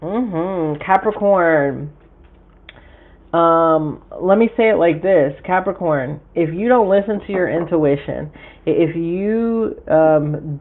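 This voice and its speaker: A man hosting a casual live tarot forecast, chatty and frank with occasional profanity as he talks straight to his viewers. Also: fairly high pitch. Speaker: tarot reader and livestream host. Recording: tinny phone-like audio.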